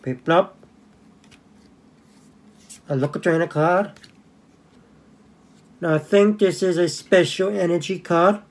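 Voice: mid-range voice, slow pace, pauses often. A channel host giving casual, joking commentary while opening cards indoors, humming little sound effects between cards.

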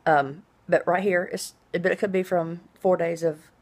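Low-voiced woman with drawn-out, hissing s sounds. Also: fairly even intonation. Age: middle-aged. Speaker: vlogger. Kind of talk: casual personal video diary. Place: small indoor room at home.

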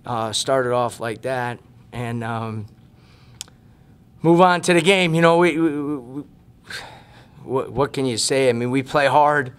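A man's voice: mid-range voice, unhurried, pauses often, clear, resonant tone. A man in his forties, a head basketball coach giving earnest, emphatic postgame answers at a press room table mic, often repeating words as he thinks. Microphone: table mic on a stand.

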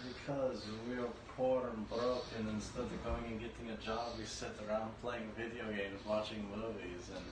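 A man's voice: on the low side, steady tone, normal speed, few pauses, background noise. A man bantering with his girlfriend in a sarcastic, joking way. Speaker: vlogger's boyfriend. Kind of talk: casual banter. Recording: roomy space with music.

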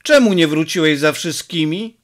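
A man's voice: a little high, normal speed, lightly acted. A man doing a short-tempered village father. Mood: angry, scolding. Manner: scolding, exasperated.

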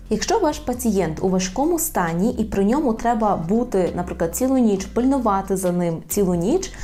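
A woman teaching a language in a video lesson, repeating words slowly and carefully. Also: medium pitch, warm tone. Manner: slow, careful repetition of words.

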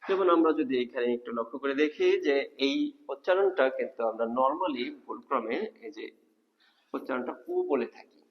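A man's voice: mid-range voice, normal speed, muffled recording. A man teaching English grammar in a video lecture, explaining step by step and asking the class rhetorical questions. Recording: long reverb of a hall.

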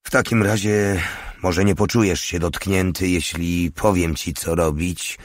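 A man's voice: deep voice, measured pace, dry recording, clean studio sound. A man doing a cold, hardened legionnaire. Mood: cool. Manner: calm, matter-of-fact, coldly practical. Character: cool, hardened male legionnaire.

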